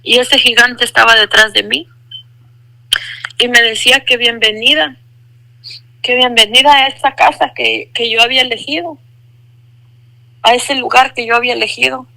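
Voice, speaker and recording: A woman gives an earnest personal religious testimony, repeating phrases for emphasis. Her voice sits a little high and sounds strikingly bright and sharp, with a gravelly edge. The sound is dry and close. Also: fairly even intonation, normal speed, long pauses, no echo, low-quality recording. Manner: addresses listener as brother. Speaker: testimony speaker.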